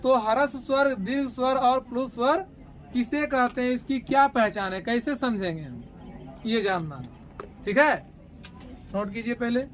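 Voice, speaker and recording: A woman teaching a grammar lesson, dictating slowly and repeating each phrase, often asking the class to say key terms back to her. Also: a little high. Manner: slow, repetitive, asks the class to echo key words back.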